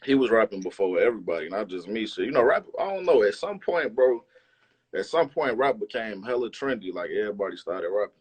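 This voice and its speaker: A Chicago rapper appears as a guest on a remote livestream interview, chatting casually in a slangy, profane, informal way. His voice is low and husky, and he talks a little fast.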